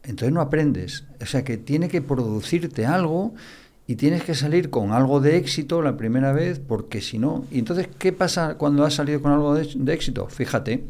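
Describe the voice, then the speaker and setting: Older guy, gravelly voice, psychiatrist lecturing on a podcast, hammers key words over and over. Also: mid-range voice, moderate pace, a little mellow. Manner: didactic, repeats key words for emphasis. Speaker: psychiatrist guest. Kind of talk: explanatory podcast interview.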